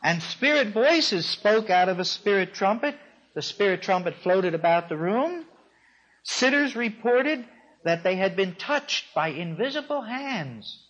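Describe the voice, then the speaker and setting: A man's voice: sits high, big pitch swings, unhurried, fairly bright tone. A man giving a storytelling lecture to an audience, in a wry, dryly amused way. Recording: dull lo-fi recording.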